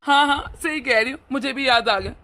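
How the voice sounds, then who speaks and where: A woman voicing a young, easygoing husband in a cartoon, speaking softly and calmly. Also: high-pitched, a little fast, a little hiss or hum, pitched below the performer's own voice. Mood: gentle. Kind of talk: cartoon voice acting.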